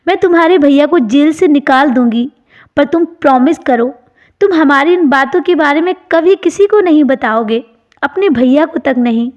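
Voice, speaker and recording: A woman's voice: high-pitched, moderate pace, darkish tone, muffled recording, natural voice. A woman reading the part of a hurt young wife who talks to her brother-in-law firmly and sternly. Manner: firm, stern.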